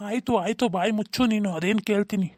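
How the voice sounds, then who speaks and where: A woman's voice: medium pitch, quick pace, darkish tone, no echo, studio quality, lightly acted. A woman voicing a tired young husband in a cartoon drama, pleading with his quarrelling family for peace. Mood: weary pleading. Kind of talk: cartoon voice acting.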